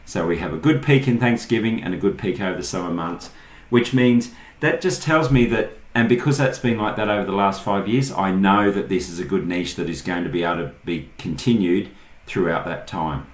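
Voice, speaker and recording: An Australian man hosts an online tutorial, casually working through a screen share without a script and thinking aloud in short bursts. His voice is deep and fairly quick. The recording sounds roomy and echoey.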